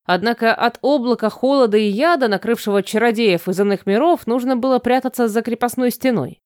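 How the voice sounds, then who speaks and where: A woman narrates a fantasy audiobook in an even, measured way. Her voice sits fairly high. The recording is dry and close, with no room sound. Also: no room sound.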